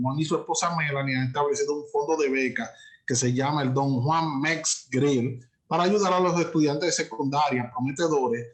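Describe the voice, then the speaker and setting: Spanish-speaking man hosting, many fillers. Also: on the high side. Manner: hesitant, many fillers and restarts. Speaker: host and entrepreneurship instructor. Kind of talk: webinar host introducing a guest. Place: office.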